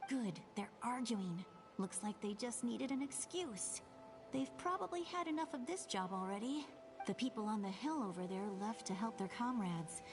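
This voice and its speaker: A woman's voice: on the high side, expressive, moderate pace, over music. A woman voicing a spirited, cheeky young girl adventurer in a video game. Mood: scheming.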